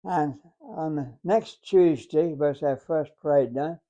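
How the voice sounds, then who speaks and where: Centenarian male veteran. Soft-edged mellow tone, slightly high for a man, deliberate storytelling, muffled recording. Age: 100. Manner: halting, deliberate, acts out remembered dialogue. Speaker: war veteran. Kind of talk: unscripted reminiscence, storytelling.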